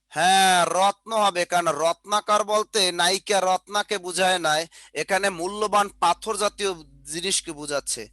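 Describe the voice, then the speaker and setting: A male teacher speaks over a video call with a high, bright voice that sounds close and dry. He walks through each rule patiently. He keeps asking his class questions and then answers them himself. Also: no echo. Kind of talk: online Bengali grammar lesson.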